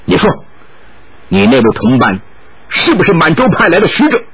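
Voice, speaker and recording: Narrator doing a hot-headed young swordsman, stern, kinda higher voice. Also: huge pitch swings, normal speed, fairly bright tone, lo-fi sound. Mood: stern angry. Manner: stern, cold, angry. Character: proud righteous young swordsman, hot-tempered.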